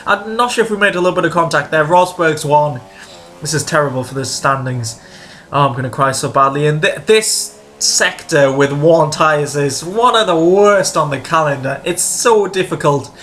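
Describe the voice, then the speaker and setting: A man commentating on his own racing game playthrough, excitable and jumping up in pitch when the action gets tense. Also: moderate pace. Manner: excitable, rises sharply in pitch during tense moments. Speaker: gaming video creator. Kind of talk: let's-play racing commentary.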